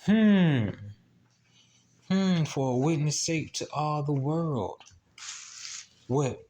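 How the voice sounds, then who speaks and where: A man's voice: fairly high pitch, darkish tone. A man preaching a scripture teaching, repeating himself and throwing out rhetorical questions as he goes. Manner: repetitive, asks rhetorical "what?" questions; halting, many restarts and fillers.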